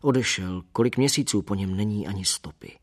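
A man voicing a troubled young male seminarian who speaks haltingly and reluctantly, as if every word is a burden. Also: on the low side, natural voice.

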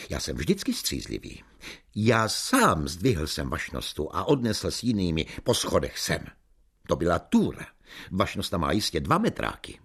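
A man's voice: low voice, creaky, husky, full character voice. A man reading aloud, voicing a cheeky, red-faced hotel waiter who is deferential but impudent toward a hungover guest. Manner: deferential yet impudent, addressing his guest as "vašnosto".

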